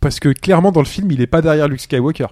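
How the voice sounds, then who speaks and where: Fast-talking man, animated storyteller. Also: fairly high pitch, dry recording, studio quality. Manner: animated storyteller, acts out scenes. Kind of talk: casual chat.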